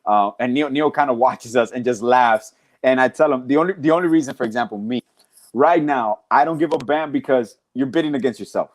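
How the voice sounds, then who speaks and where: A man's voice: medium pitch, fairly quick. A man hosting a casual sports podcast, talking through trades in an easygoing way. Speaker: podcast host.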